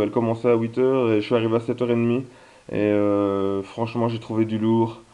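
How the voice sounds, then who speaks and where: A man's voice: medium pitch, warm tone, highs cut off. A man chatting casually in a vlog about his video game finds, talking hesitantly with many fillers. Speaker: video game collector vlogger.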